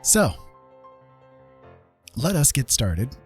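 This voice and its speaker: Talking extremely slowly in a sing-song, medium-pitched voice, a man paints digitally on a livestream and muses aloud casually. Piano music plays in the background.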